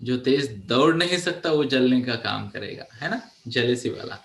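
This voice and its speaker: A man counselling an audience in a motivational talk, conversational and animated, often checking in with his listeners. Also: medium pitch, unhurried, vocal fry, reverberant. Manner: conversational, animated, asks "है ना?" often, mixes in English.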